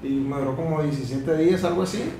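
Recorded from afar by a camera in a small indoor room with a mirror, a young barber with a Sinaloa accent talks fast on a casual podcast. His voice is a little high with vocal fry, and his long explanations are full of fillers. The room is echoey, with hiss in the background.

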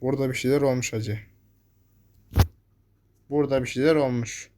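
A man's voice: mid-range voice, steady tone, normal speed, noisy background. A young man giving live gameplay commentary, talking to his viewers and cursing at the enemies that chase him. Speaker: gameplay streamer.

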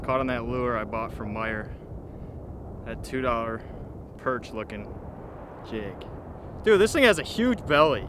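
A young man in his twenties, talking casually to an action camera as a fishing vlogger, excited and laughing. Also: mid-range voice, measured pace, long pauses, background noise. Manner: excited, laughing, says he is shaking. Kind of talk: casual vlog narration and chat. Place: store aisle and ice fishing shelter.

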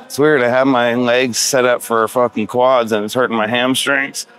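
A man's voice: mid-range voice, level tone, moderate pace, fairly bright tone. A man in his thirties talking like a gym bro in a casual workout vlog, grumbling and self-deprecating, with profane slang. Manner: grumbling, self-deprecating complaints while working out. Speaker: fitness vlogger. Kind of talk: casual vlog chat to camera. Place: large gym, indoors. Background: music.

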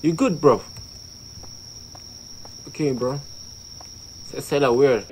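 A man talks through a game in casual, excitable commentary, thinking out loud and swearing freely in slangy speech. His voice sits at an ordinary middle pitch. A faint bed of cricket and insect ambience hums underneath. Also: takes it slowly, noisy background. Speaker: gamer playing a horror game.

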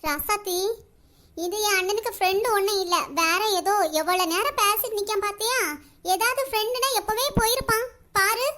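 A woman's voice: very high-pitched, fairly even intonation, moderate pace, sharp tone. A woman voicing a nosy, cheeky teenage sister in a cartoon who plans to tell on her brother. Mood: scheming. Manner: teasing, scheming.

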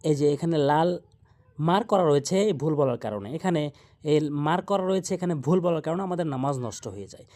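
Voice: medium pitch, a little fast, dark tone. Patient Quran reading teacher. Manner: spells out letters and vowel marks, repeating each syllable; warns of common mistakes, urges likes and subscribing. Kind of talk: tajweed lesson.

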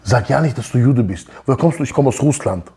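A man's voice: mid-range voice, lively intonation, fast, mellow, slight background noise. A man in his thirties giving an emphatic Torah lecture, firing rhetorical questions and mixing in Hebrew words, recorded on a lapel mic in an office room. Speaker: Torah teacher. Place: office room with wooden wall.

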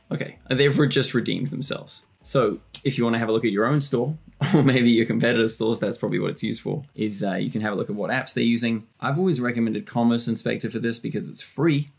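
Gravelly-voiced man with a casual chat. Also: mid-range voice. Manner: chatty, self-deprecating and joking. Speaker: tutorial presenter. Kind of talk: casual screen-share walkthrough.

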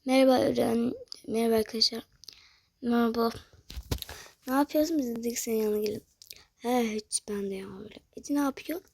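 A young woman narrating and voicing characters in a toy-style game role-play, swinging between loud excited lines and hushed whispers. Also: a little high, a little fast, vocal fry, pauses often, no echo. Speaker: toca life roleplay creator.

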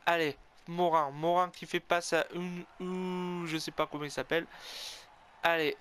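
Excitable man doing game commentary. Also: a little high, unhurried, clear, resonant tone. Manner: animated, cheering and groaning, frequent "oh là là" exclamations; self-corrects and admits being an amateur. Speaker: gamer commentating his own hockey video game match.

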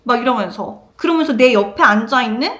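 Brief: young woman vlogger, animated storytelling, fairly high lively voice, roomy echo. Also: a little fast. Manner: animated, acts out quoted lines. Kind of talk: casual storytelling.

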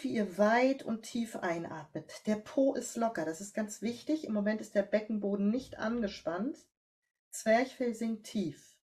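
Calm woman guiding voice exercises. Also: mid-range voice. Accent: German. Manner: calm step-by-step instructions, slow and drawn out on cues. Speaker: voice coach leading a workshop. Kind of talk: guided voice and breathing exercise.

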